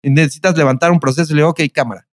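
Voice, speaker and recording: A man with a Mexican Spanish accent telling a long story on a podcast, animated and profane, acting out what people said. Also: a little high, very fast, no room sound, studio quality. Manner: profane, animated retelling with acted-out quotes. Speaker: podcast host. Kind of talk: casual storytelling chat.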